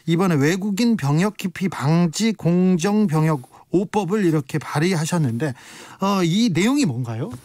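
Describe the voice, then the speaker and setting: A man hosts a radio talk show from the studio, joking with and quizzing his guests. His voice sits high and swings widely in pitch. The sound is dry and close-miked. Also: moderate pace, hardly any pauses, dry recording. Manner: lively, joking interviewer. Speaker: radio host. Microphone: studio microphone.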